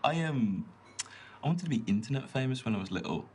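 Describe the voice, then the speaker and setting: A man's voice: medium pitch, animated, brisk, slight background noise, close to an everyday voice. A young British man acting an awkward, earnest date in a video game, hesitant and full of ums. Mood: nervous.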